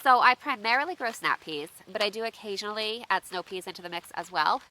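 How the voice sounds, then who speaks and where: A fast-talking homestead vlogger from the United States unboxes outdoors under shifting trees, chatting easily and repeatedly asking her viewers for tips. Her medium-pitched voice is bright and forward but a bit stuffy and nasal from allergies. The recording is low quality, with a faint hiss beneath it.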